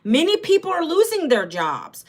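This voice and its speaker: A livestream host in her fifties from Northern Virginia, USA, speaks at normal speed in a very high voice whose pitch swoops wildly. She's chatty, talks straight to the people watching, and reads their comments aloud.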